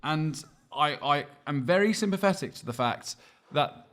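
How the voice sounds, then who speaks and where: A young man ranting animatedly as co-host in a football debate chat. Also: fairly high pitch. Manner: ranting, animated, quick asides. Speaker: podcast co-host.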